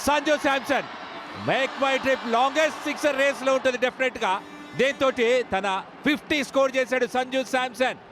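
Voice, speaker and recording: A man giving excited cricket commentary in short, punchy phrases. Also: very high-pitched, brisk, over music. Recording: loud crowd noise around the voice. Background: cricket crowd.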